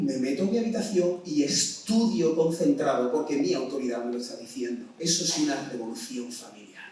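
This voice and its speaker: A man with a Spanish accent preaching to young people at a summer camp, animated, acting out parents' orders in a raised voice. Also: a little high. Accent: Spain. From Spain. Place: large hall at a summer camp. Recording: echoey hall, voice from far off.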